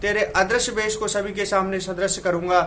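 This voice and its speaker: A man's voice: high-pitched, flat delivery, moderate pace, fairly bright tone, slight background noise. A man reciting verse as a stern, all-powerful male deity, proclaiming in a solemn manner. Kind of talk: recited devotional poem.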